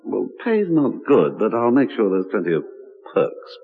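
An actor playing a suave, wry gentleman agent with a drawling delivery in a radio drama. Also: lowish voice, wildly swooping pitch, moderate pace. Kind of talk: 1960s radio drama acting. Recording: tinny old radio recording.

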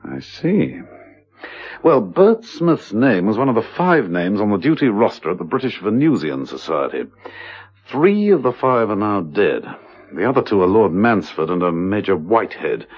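John Steed, deep-voiced suave gentleman agent. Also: sing-song, moderate pace, husky. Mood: businesslike. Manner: breezy, urbane, playfully evasive. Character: suave, flirtatious, teasing gentleman secret agent. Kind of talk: old radio drama acting. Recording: dull vintage radio recording.

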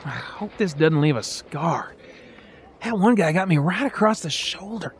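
A man's voice: fairly high pitch, animated, unhurried, slight background noise. A man playing an irreverent, flippant adventurer with mock-heroic bravado in an audio drama. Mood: wry relief. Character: wisecracking, irreverent Baptist soldier of fortune.

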